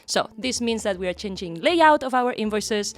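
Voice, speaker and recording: A woman's voice: fairly high pitch, animated, moderate pace, faint music behind. A woman who heads customer marketing, explaining updates in an upbeat, polished way. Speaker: company head of customer marketing. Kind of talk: product explainer.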